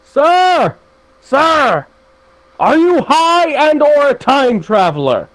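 Very high-pitched, slow-talking woman. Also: sing-song, poor audio. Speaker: player in a tabletop role-playing game. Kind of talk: in-character tabletop role-play.

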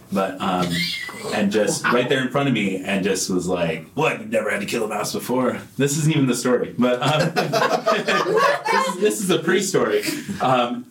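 A man telling a playful story in casual chat at a group meeting, building suspense. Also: deep voice. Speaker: church group member. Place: meeting room. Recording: echoey room with faint noise.

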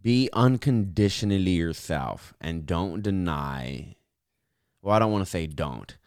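A young man speaking earnestly and encouragingly as an interview guest, with a slight impediment that softens his r's toward w and affects his s's. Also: deep voice, lively intonation, a little slow, no echo, clean studio sound. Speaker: podcast guest. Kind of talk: earnest personal reflection in an interview.

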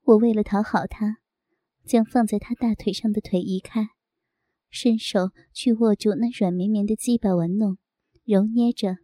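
A woman narrating a first-person audio story in a soft, intimate, unhurried way. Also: medium pitch, fairly even intonation, no room sound.

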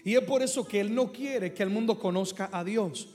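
High-voiced man preaching in a reverberant hall. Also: moderate pace, darkish tone. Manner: preaching to a congregation, calling for responses. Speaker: pastor. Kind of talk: sermon.

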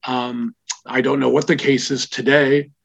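An older Israeli-born comic store owner recounts stories from his past in a casual interview, reflective, wry, and unhurried. His medium-pitched voice is level, gravelly, and fairly bright, heard through dull lo-fi remote audio.

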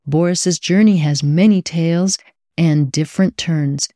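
A woman's voice: deep voice, measured pace, warm tone, no echo, studio quality. A woman hosting a podcast, reading scripted intros and interviewing a guest in an upbeat, effusive way. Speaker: podcast host.

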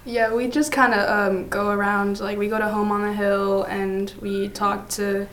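A teenage student from Atlanta answering interview questions, hesitant with lots of fillers. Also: female voice, medium pitch, little pitch movement, unhurried, fairly bright tone. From Atlanta, Georgia. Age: teens. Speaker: student guest. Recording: echoey room with faint noise.

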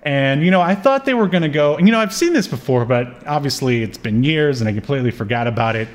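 Fast and animated, this man has a mid-range voice. He co-hosts a podcast and talks casually through a TV show review, frequently searching for what to say.

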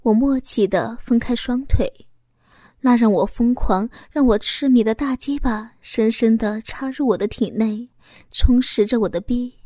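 Brief: female audiobook narrator, emotional first-person confession, higher voice, close and dry. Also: a little slow, mellow, no echo.

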